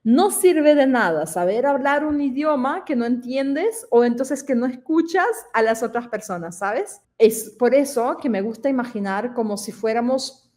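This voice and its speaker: A woman's voice: a little high, lively intonation, moderate pace, darkish tone. A woman teaching an online lesson, explaining conversationally and asking listeners questions, speaking a language she learned as an adult. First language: not Spanish. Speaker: French pronunciation teacher.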